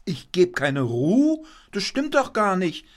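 A man's voice: sits high, sing-song, slow, exaggerated voice. A man voicing Kasper, a mischievous puppet husband who teases his wife by mishearing her, in a puppet play. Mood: teasing. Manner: playful, feigns mishearing, whiny when scolded.

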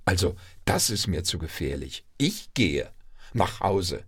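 A man's voice: sing-song, measured pace, a bit bright, husky, full character voice. A man voicing a chirpy, boastful female town mouse in a piping voice. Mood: huffy. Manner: squeaky, piping.

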